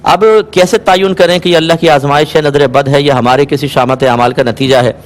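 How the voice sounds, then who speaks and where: A man answering viewers' religious questions on a call-in show, calm and explanatory, asking listeners to check they follow. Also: fairly high pitch. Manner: calm, explanatory, patient advice; asks rhetorical checks, occasionally amused.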